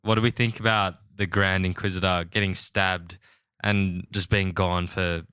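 A man hosting a casual podcast chat about a TV show, relaxed and quick to laugh. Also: low voice, clean tone, dry recording, studio quality. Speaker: podcast host.

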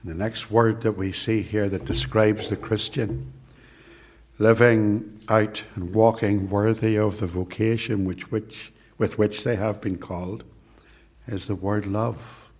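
Slow, deliberate male preacher. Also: lowish voice, fairly even intonation, a little mellow. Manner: deliberate, rhetorical repetition. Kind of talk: sermon with scripture reading.

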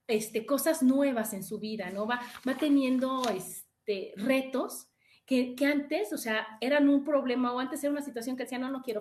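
A woman with a Mexican accent hosting a podcast in casual chat, animated and often acting out what people say, with frequent tag questions. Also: high-pitched. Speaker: podcast host.

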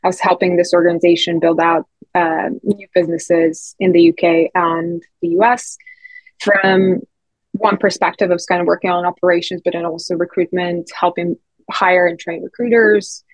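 Chatting loosely about her career, a Bulgarian-born head of people experience in her thirties guests on a podcast interview, her speech full of fillers and restarts. She speaks in a lowish voice at normal speed with a level tone, captured in a dry, rough recording.

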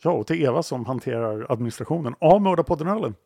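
A man's voice: fairly high pitch, animated, creaky, dark tone, no room sound. A man hosting a podcast, narrating a story dramatically and building suspense. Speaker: podcast host.

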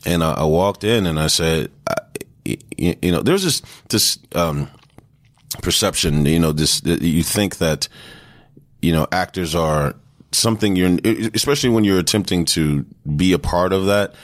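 A man from Texas in his thirties, an actor guest telling his story in a relaxed interview, often pausing and restarting his sentences. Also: low voice, no echo, clean studio sound. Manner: hesitant, many restarts and fillers. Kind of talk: casual interview talk.

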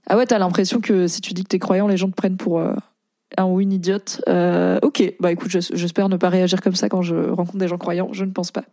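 Mellow-voiced French woman podcaster, chatty. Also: fairly low pitch, level tone, brisk, no echo, studio quality. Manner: chatty, many fillers and restarts. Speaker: podcast host reading Reddit posts. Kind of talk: casual commentary podcast.

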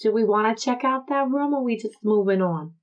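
A woman playing a tabletop game, relaxed and quick to laugh. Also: fairly high pitch, highs cut off. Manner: giggly, laid-back. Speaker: player. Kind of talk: casual tabletop play.

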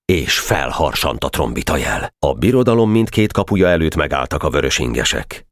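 Male audiobook narrator, very low voice, dry close sound, expressive storytelling. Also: dry recording. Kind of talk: scripted literary narration.

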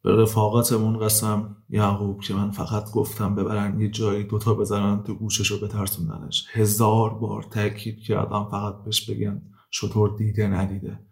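A man voicing a panicked young male ex-convict who begs and shouts, close to tears, in an audio drama. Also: on the low side, completely flat delivery, gravelly. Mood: pleading. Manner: shouting, pleading.

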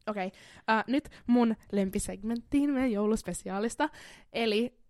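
A woman's voice: on the high side, a little mellow, no room sound, clean studio sound. A woman co-hosting a casual podcast game, playful and giggly, sometimes dropping to a near whisper. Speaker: podcast co-host.

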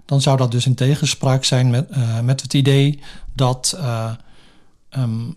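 A man explaining an idea in a casual conversation, pausing often on fillers. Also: mid-range voice, steady tone, darkish tone. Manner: hesitant, frequent fillers. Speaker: co-host discussing a research topic.

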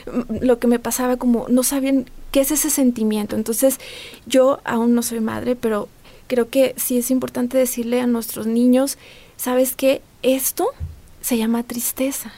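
A woman talking in a gentle, earnest way as a guest in a casual podcast conversation. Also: a little high, level tone, normal speed.

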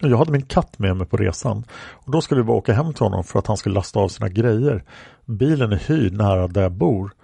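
A man's voice: on the low side, animated, creaky, warm tone, husky, no echo, exaggerated voice. A man reading aloud a woman's answers in a police interrogation record, rambling with many fillers. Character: woman questioned by police, plain-spoken.

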